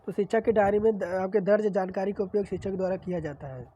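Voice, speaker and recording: Speaking quickly with fairly even intonation, this medium-pitched woman has a mellow voice captured in lo-fi sound. She's a teacher working through practice exam questions, reading each one steadily and explaining the answer while frequently clearing her sore throat.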